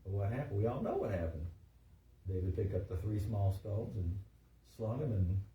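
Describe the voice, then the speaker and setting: A man preaching a sermon, reading scripture aloud with rising emphasis and halting restarts. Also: on the low side, roomy sound, far from the mic, muffled recording, slight background noise. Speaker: pastor. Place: church sanctuary.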